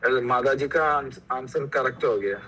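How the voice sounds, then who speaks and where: A man taking part as a student in a grammar class, reading aloud haltingly with pauses. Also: mid-range voice, sharp tone, husky, poor audio. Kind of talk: class participation.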